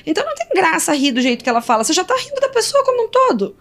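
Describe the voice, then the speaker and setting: A woman with a Brazilian Portuguese accent, a linguist answering interview questions in an animated way, posing rhetorical questions with many fillers. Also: very high-pitched, rapid-fire. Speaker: linguist guest.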